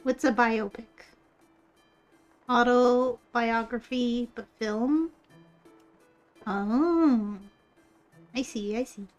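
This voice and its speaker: Cute, high-voiced bubbly woman streamer. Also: drawn-out words, pauses often, dull audio. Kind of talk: casual livestream chat while drawing. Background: background music.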